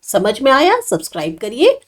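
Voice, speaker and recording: A woman's voice: on the high side, wildly swooping pitch, moderate pace, husky. A woman teaching a grammar lesson, patiently explaining in Hindi with English example sentences.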